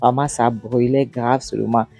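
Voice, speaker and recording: A woman's voice: very deep voice, fairly even intonation, moderate pace, vocal fry, dark tone, soft background music. A woman narrating a film recap in a casual way, retelling the scenes and often repeating and restarting her words.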